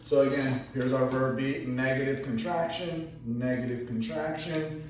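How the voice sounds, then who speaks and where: A man's voice: mid-range voice, fairly even intonation, a little slow, far from the mic, a little hiss or hum. A man teaching an English grammar lesson, explaining patiently step by step with repeated examples. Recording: echoey room, voice from off-mic.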